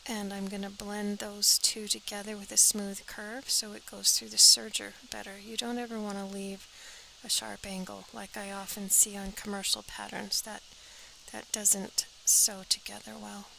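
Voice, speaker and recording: Woman, sewing instructor, practical drafting tutorial, airy half-whispers, bright tone, faint background hiss. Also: medium pitch, level tone, moderate pace, creaky, rough recording. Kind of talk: step-by-step pattern drafting tutorial.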